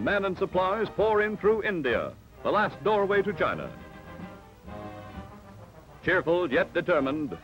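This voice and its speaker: A man narrating a 1940s newsreel in an old newsreel soundtrack, with a dramatic, emphatic announcer delivery. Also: on the high side. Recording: dull lo-fi film soundtrack with loud music. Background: loud music.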